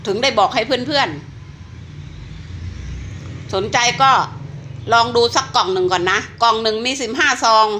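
A woman's voice: fairly high pitch, sharp tone. A woman in her sixties chatting persuasively to viewers while selling a health product. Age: 60s. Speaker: online seller. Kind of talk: casual live-selling chat.

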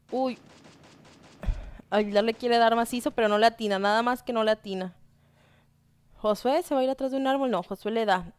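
A young woman commentating a live video game tournament, excitable and talking straight to the viewers. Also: medium pitch, clean tone.

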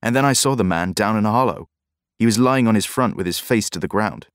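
A man voicing an excited, frightened young farm boy in an audiobook, eager and breathless. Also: moderate pace, no room sound, clean studio sound, close to an everyday voice. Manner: breathless, eager, high-pitched. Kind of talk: audiobook character voice.

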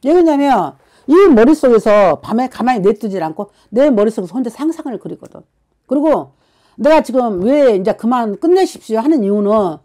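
Woman fortune teller, blunt and scolding, lively high voice, pushes with repeated questions. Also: a little fast. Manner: forceful, scolding, keeps prodding with "어?". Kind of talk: blunt counseling session.

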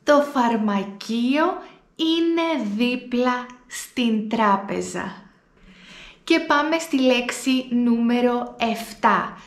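A woman with a Greek accent teaching pronunciation, saying each word slowly and repeating it for learners. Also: on the high side, lively intonation, reverberant. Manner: slow, deliberate word repetitions for learners. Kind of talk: pronunciation lesson to camera.

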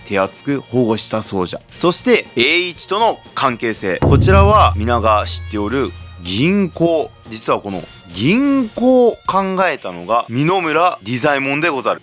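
A man's voice: mid-range voice, a bit bright. A man explaining history as a channel host in the persona of a samurai warlord, with archaic wording and emphatic, theatrical delivery.

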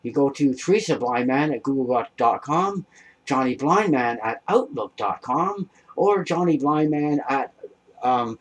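A man's voice: medium pitch, animated, unhurried, slightly rough, poor audio. A man hosting a home tech show, talking step by step in a hesitant, casual way, with many fillers and restarts, recorded by a camera across a dim room at home.

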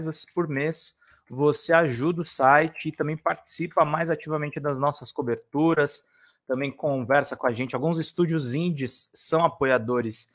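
A man in his thirties with a Brazilian accent, hosting a games news interview from a home office on a studio mic, lively and prone to restarts. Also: a little high. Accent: Brazilian Portuguese. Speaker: host. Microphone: studio mic on arm, video call.

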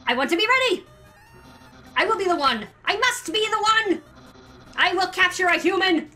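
A woman voicing Papyrus, a loud, vain and overeager male skeleton, pompous and shouty in a fan game voice-over. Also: very high-pitched, big pitch swings, moderate pace, faint music behind, pitched above the performer's own voice, heavily acted.

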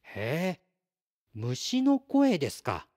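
Man doing a courteous little star boy for a storybook, lifted voice, slow and careful. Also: fairly high pitch, heavily acted. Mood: earnest. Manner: formal, courteous, calm. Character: polite clever boy from a star. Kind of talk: storybook read-aloud.

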